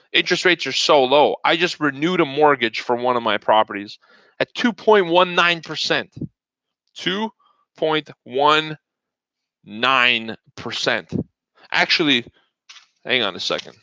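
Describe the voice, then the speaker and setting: A man hosts a live trading stream, joking and chatting with viewers between market numbers. His voice is bright and forward. It sounds dry and slightly muffled, like lo-fi stream audio. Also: mid-range voice, dry recording. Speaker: stock trading show host. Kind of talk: live market commentary, casual.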